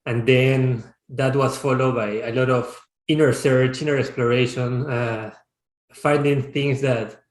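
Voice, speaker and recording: A thoughtful man in his thirties from Peru talks through his answers in a relaxed interview. He sits at a middle pitch, often stops to rephrase, and the room gives his voice a noticeable echo. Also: unhurried. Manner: reflective, searching for words with frequent restarts. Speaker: startup founder and CEO. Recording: roomy, echoey sound.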